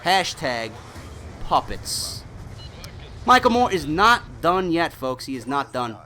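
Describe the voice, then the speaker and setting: A man's voice: on the high side, slow pace, a little hiss or hum. A young man from New York, a gaming YouTuber, ranting and mocking commenters in a voice-over over gameplay. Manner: animated, mocking, ranting delivery. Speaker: gaming YouTuber reading hate mail.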